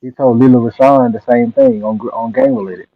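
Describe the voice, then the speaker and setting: A man's voice: medium pitch, sing-song, normal speed, gravelly. A man chatting casually on a remote call, his mic breaking up so he sounds muffled, as if heard through a wall. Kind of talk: casual chat.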